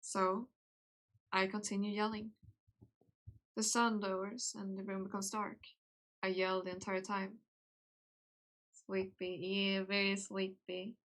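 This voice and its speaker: A young woman streaming, reading game text aloud in a slow, soft way and breaking off into giggly, casual asides. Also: mid-range voice, level tone.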